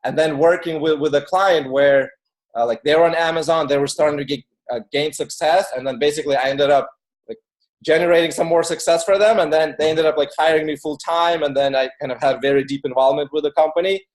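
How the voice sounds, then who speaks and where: The audio is poor, but you can hear a man with a fairly high voice talking fast with fairly even intonation. Born in Ukraine and raised in the US from age eight, he's an interview guest telling casual stories full of fillers like "like."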